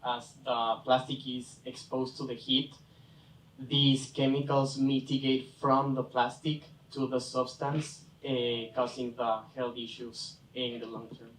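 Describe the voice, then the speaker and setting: Flat-voiced Ecuadorian man presenting. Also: medium pitch, unhurried, slight background noise. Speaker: startup co-founder. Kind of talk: pitch presentation. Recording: echoey hall from far off.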